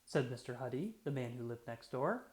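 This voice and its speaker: With deliberate, expressive phrasing aimed at young listeners, a storyteller reads a children's picture book aloud in a medium pitch. The room sounds spacious and echoey.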